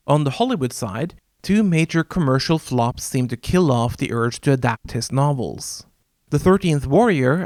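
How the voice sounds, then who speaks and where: A Norwegian man, speaking a language other than his native Norwegian, hosts a video essay with measured, wry scripted narration and dramatic pauses. His voice is mid-range, and the studio sound is clean with no echo.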